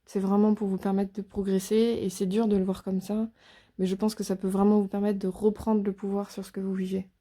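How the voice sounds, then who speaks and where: A woman talking through a tarot reading in a soft, hesitant way, often pausing on fillers and restarting her sentences. Her voice is deep-toned and mellow, with a narrow, even melody that rarely rises or falls. Now and then she drops to a near-whisper. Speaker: tarot reader. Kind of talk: casual spoken tarot reading to viewers.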